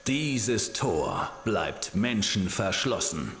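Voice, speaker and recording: An actor playing an ancient blind fox spirit in a video game, a stern gatekeeper speaking in a solemn, archaic, imperious manner. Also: male voice, fairly low pitch, very animated, drawn-out words, fairly bright tone, slight background noise, exaggerated voice. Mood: stern, commanding. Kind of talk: video game character acting. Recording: reverberant echoey hall, music underneath.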